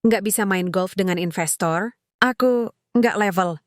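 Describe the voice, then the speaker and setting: A woman voicing a humble young male village grass-cutter who speaks in a quiet, earnest, self-effacing way. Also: mid-range voice, unhurried, no room sound, studio quality, natural voice. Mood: resigned.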